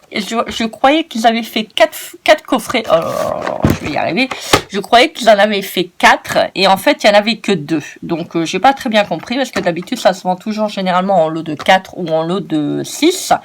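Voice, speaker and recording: A woman's voice: medium pitch, a little hiss or hum. A woman chatting casually as a vlogger, showing off her craft-shop purchases in a playful, joking way. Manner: chatty and playful, often scolds herself jokingly. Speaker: craft shopping-haul vlogger.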